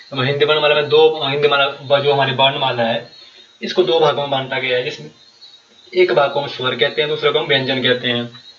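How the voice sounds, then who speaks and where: A man's voice: mid-range voice, reverberant, distant mic, dull audio. A man teaching a grammar lesson for exam preparation, explaining step by step and repeating key terms with many fillers. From Himachal Pradesh, India.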